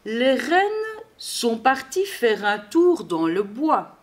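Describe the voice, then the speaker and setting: A woman reading aloud, voicing a helpful fox who briskly urges Santa to hurry. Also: a little high, very animated. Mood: urging. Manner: brisk and urging. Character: helpful, urging forest fox.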